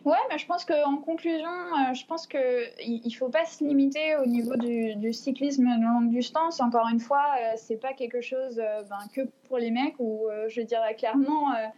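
A woman in her twenties answers interview questions in a fairly high voice, with many fillers and restarts. The sound is dull and lo-fi. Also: normal speed, few pauses, dark tone. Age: 20s. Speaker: guest, long-distance cyclist. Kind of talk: podcast interview.

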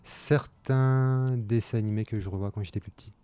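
A man's voice: on the low side, steady tone, moderate pace, mellow, clean tone, no echo. A man answering interview questions in a casual, rambling way.

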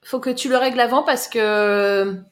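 Chatty woman coach with a higher voice. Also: steady tone, unhurried. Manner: chatty, loose, repeats words and fills with euh. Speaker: life coach. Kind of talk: live-stream Q&A answering chat comments.

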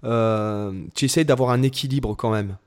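A man's voice: medium pitch, moderate pace. A man, a guitar teacher who hosts a channel, chatting casually and hesitantly with many restarts. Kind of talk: casual chat.

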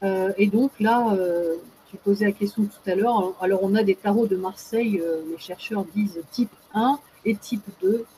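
A woman with a mellow, relaxed voice explains at length as a guest expert. She hesitates a lot, filling gaps and restarting her sentences. A faint noise sits under the recording. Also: mid-range voice, moderate pace, hardly any pauses, poor audio. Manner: hesitant, many fillers and restarts. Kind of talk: casual explanatory talk.

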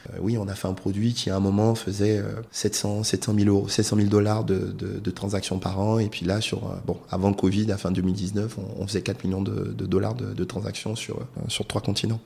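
Gravelly low man. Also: little pitch movement, warm tone. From Côte d'Ivoire. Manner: measured, explanatory, many hesitations. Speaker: entrepreneur guest. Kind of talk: casual interview talk.

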